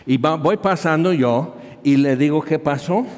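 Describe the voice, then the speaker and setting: A man's voice: fairly high pitch, a little slow, darkish tone. A man, preaching as a missionary and animatedly telling a story from his work. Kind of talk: storytelling sermon. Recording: reverberant hall.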